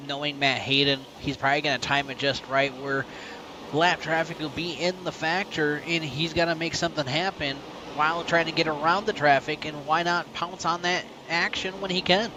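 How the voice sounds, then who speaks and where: A man calling a sim race as play-by-play commentator, talkative and building excitement toward the finish. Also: a little high, normal speed, noisy background.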